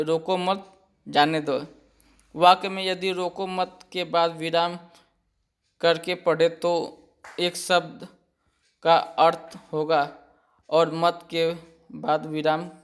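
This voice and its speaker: A man teaching an exam-prep lesson. He reads out each point and then explains it again more simply, often pausing to check with his students. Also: fairly high pitch. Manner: slow and deliberate, often checking with "ठीक है".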